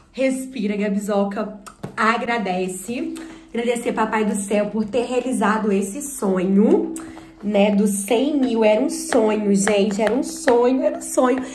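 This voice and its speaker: A woman with a Brazilian Portuguese accent in an excited unboxing vlog, talking breathlessly and nervously, close to tears. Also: on the high side, a little slow, slight background noise. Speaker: YouTuber and performer. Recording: echoey room.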